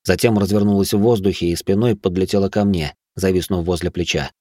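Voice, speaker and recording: Low-voiced man narrating an audiobook. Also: steady tone, brisk, darkish tone, no room sound, clean studio sound. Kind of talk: first-person audiobook narration.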